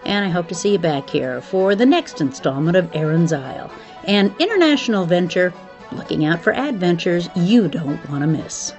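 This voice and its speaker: Middle-aged female podcast host, slightly low register, scripted personal storytelling over music. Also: expressive, normal speed, a little mellow, highs cut off.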